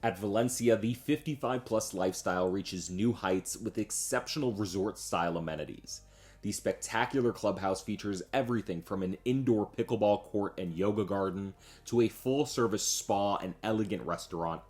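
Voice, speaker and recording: A man with a slightly low voice hosts a property tour over light music. His delivery is upbeat and polished like a travel show host, reading scripted promotional narration. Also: normal speed, darkish tone. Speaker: real estate agent and home tour host.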